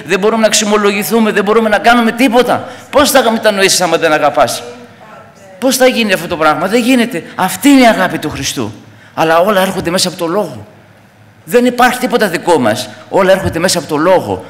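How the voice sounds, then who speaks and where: A man's voice: high voice, a bit bright, in a large hall. A middle-aged man giving a fervent, repetitive testimony to a church congregation.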